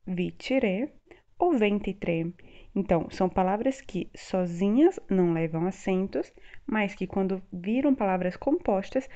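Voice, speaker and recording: A woman teaching an online language lesson, explaining slowly and spelling out example words one by one. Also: mid-range voice, dark tone, lo-fi sound. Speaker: Italian teacher.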